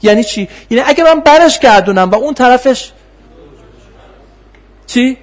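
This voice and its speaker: In a classroom, a man lectures on the philosophy of science, working through ideas with rhetorical questions and filler pauses. His voice is very high-pitched and animated.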